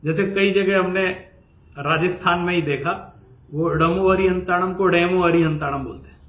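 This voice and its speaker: Man lecturing on scripture in an echoey room. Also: a little high. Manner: chants verses slowly, then explains in lively conversational tone. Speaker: professor teaching scripture. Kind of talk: spoken lecture with chanted verses. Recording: echoey, dull-sounding room recording.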